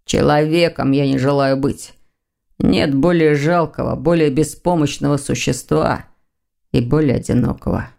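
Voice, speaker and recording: A woman's voice: deep voice, fairly even intonation, moderate pace, vocal fry, darkish tone. A woman voicing a bitter young male demon. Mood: sullen. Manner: sullen, snapping retorts.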